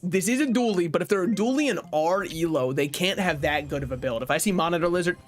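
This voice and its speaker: A man with a high voice talks fast while streaming a card game, chatting casually through his moves. He swears now and then and laughs at his own jokes, with faint music playing behind him.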